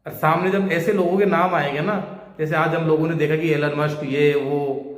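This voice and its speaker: Guy going off in an urgent rant, kinda high voice, echoey room. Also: fairly even intonation, moderate pace. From India. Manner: urgent, pleading, rhetorical appeals. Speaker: social media creator. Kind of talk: impassioned monologue to camera. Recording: echoey room with long reverb.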